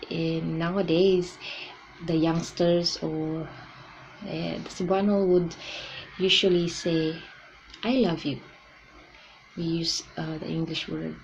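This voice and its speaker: A woman's voice: deep voice, darkish tone. A woman with a Visayan Filipino accent teaching an informal language lesson, repeating example phrases for learners. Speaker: language teacher and video host. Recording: dull lo-fi, faint background noise.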